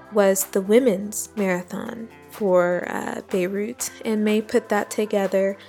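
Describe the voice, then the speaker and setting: Host: woman, upbeat, encouraging, mid pitch, soft music behind. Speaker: interviewer and host. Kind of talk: introduction and interview questions.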